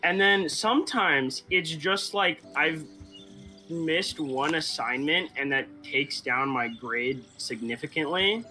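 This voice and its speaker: A man's voice: on the high side, takes it slowly, sharp tone. A young man in casual chat with friends while playing a game. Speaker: player in group gaming session. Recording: music behind the voice. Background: music.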